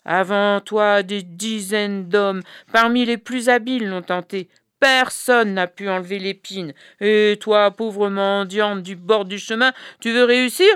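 Une femme jouant une épouse méprisante. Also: female voice, mid-range voice, fairly even intonation, a little slow, fairly bright tone, clean tone, no room sound, studio quality, voice pushed up, natural voice. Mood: scornful. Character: scornful peasant wife of the sick man.

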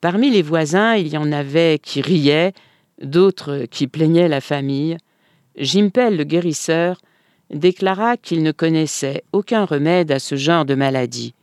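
A narrator reading a folk tale aloud in an expressive, storytelling manner. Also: medium pitch, clear, resonant tone, no room sound, clean studio sound. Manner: slow, expressive, lively.

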